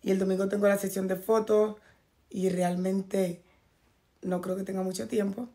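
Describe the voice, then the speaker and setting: Female vlogger, losing her voice, gravelly and fry-heavy, mid pitch, chatty clothing-haul delivery aimed straight at the viewers. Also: flat delivery, moderate pace, warm tone. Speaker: fashion vlogger. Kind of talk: casual clothing haul unboxing. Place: at home, in a bathrobe.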